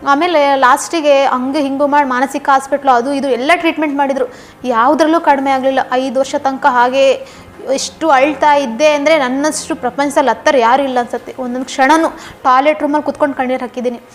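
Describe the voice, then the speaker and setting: A young woman recounts her life story in an interview. Her voice sits high and her words come quickly. She talks earnestly and circles back over phrases for emphasis. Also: steady tone, soft background music. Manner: fast, earnest storytelling with repetitions. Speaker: guest giving a testimony. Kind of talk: personal testimony interview.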